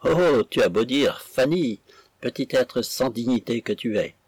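A man's voice: medium pitch, expressive, unhurried, husky, no echo. A man voicing a proud, indignant young woman who scolds her sister with haughty scorn.

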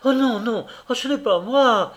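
A man's voice: high voice, lively intonation, takes it slowly, voice pushed up, heavily acted. A man reading a story aloud, voicing a terrified frail woman accused of murder, who speaks in strained, frightened tones and fading murmurs. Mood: frantic denial. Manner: strained, fearful, fading whispers.

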